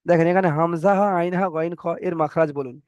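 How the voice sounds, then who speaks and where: A man teaching a Quran recitation class online, who explains slowly and repeats each rule and letter sound for his students. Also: fairly high pitch, fairly even intonation, a little mellow, clean tone, dry recording, muffled recording. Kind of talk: online tajweed lesson.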